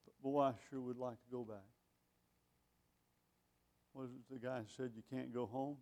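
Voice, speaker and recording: A man's voice: mid-range voice, steady tone, normal speed, a little mellow. A man in his sixties preaching a sermon, reading scripture and asking rhetorical questions in a wry, conversational way. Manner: reads scripture in older phrasing.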